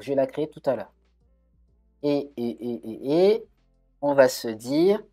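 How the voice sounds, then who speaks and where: A man's voice: medium pitch, warm tone. A man giving a live-coding tutorial at his computer, thinking aloud with frequent hesitations and self-corrections. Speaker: coding streamer.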